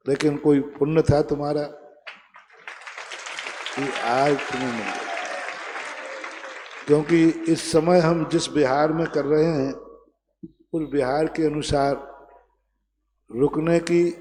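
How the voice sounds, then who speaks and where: Slow, emphatic male preacher with reverb. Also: on the high side, mellow, slight background noise. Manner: slow, emphatic preaching with playful teasing of the audience. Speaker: Jain monk preacher. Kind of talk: sermon.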